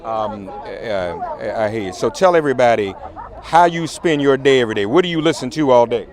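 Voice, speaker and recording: A man's voice: mid-range voice, moderate pace. A man hosting street interviews, asking direct, blunt questions outdoors at an election event. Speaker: host and street reporter. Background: crowd.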